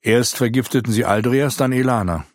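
A man voicing a resolute knight hero, speaking calmly and explaining. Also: medium pitch, fairly quick, dry recording, clean studio sound, voice pushed up, lightly acted. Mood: earnest. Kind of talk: audiobook character reading.

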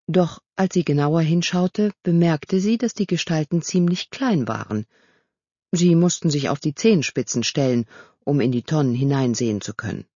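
A narrator reading a storybook tale in an expressive, lively manner, in a dull lo-fi recording. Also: medium pitch, normal speed, no echo.

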